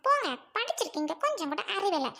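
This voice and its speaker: A woman's voice: very high voice, sing-song, fast, heavily acted. A woman playing a scheming young village wife who pleads with her husband and plots on the side, in a family web drama. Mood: pleading. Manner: pleading then sly muttering asides.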